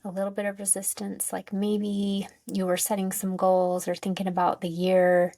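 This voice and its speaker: A woman giving a casual guided self-help talk as a coach, informal and tentative as she searches for words, with a creaky voice. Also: medium pitch, completely flat delivery, normal speed, dark tone, no room sound. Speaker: wellness coach and host.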